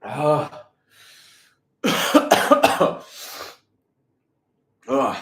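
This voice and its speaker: A man's voice: medium pitch, wildly swooping pitch, drawn-out words, a bit bright. Man with burning mouth in echoey room. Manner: mouth burning from spicy food, sighing and coughing. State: lightheaded and sweating from a hot pepper. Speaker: livestream host. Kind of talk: casual live stream chat.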